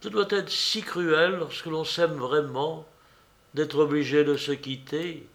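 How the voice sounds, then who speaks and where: A man voicing a gentle young woman, a detective's daughter, who speaks softly and hesitantly. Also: a little high, fairly even intonation, takes it slowly, gravelly, voice pushed up. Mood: sorrowful. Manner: soft, hesitant, sorrowful. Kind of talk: audiobook character reading.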